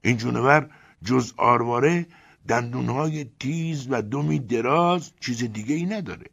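On a dull lo-fi recording, a man with a medium-pitched, gravelly, husky, pushed-up voice plays a vain, deluded male clerk who has been swallowed by a crocodile. The character brags and lectures in a preachy tone.

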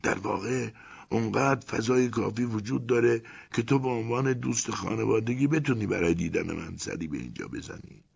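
A man's voice: mid-range voice, gravelly, breathy edge, pitched above the performer's own voice. A man voicing a vain, deluded male clerk swallowed by a crocodile, who talks boastfully and lectures in a preachy tone, on a dull lo-fi recording. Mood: calm lecturing.

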